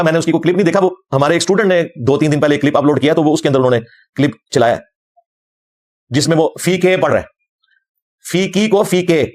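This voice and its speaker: Middle-aged male religious scholar, combative lecture delivery at a quick pace. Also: a little high. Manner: combative, fervent, quotes Arabic verses.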